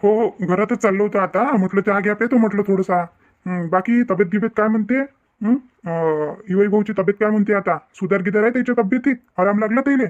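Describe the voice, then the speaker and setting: A man's voice: high voice, fast, dull audio, natural voice. A man voicing an older male farmer and father-in-law, folksy and rambling in a cartoon family drama. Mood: concerned.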